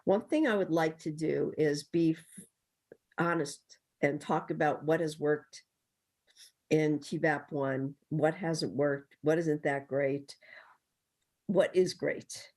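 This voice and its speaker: A woman council member speaking in a meeting over a video call whose connection keeps breaking up, candid and halting. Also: deep voice, darkish tone. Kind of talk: meeting discussion.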